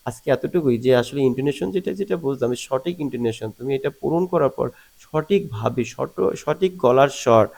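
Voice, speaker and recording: A man's voice: fairly high pitch, creaky, a little mellow. A male teacher giving a video lesson from slides, explaining step by step with many fillers and acting out rising and falling questions. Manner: explains step by step, switching between Bengali and read-out English with many fillers; demonstrates rising and falling intonation on example questions. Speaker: English teacher.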